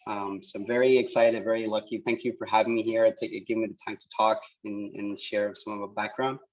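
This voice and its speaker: A man in his thirties from El Salvador, whose first language is Spanish, talks as a guest engineer on a video call, halting, with many restarts and fillers. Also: lowish voice, flat delivery, darkish tone. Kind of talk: casual talk on a video call. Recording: dull lo-fi call audio.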